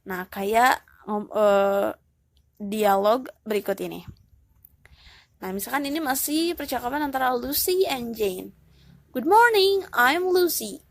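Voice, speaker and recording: Woman, English teacher, easygoing step-by-step explainer, slightly high pitch, dry booth sound. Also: measured pace, pauses often, no echo. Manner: relaxed, explains step by step, mixing in English phrases. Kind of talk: casual classroom explanation.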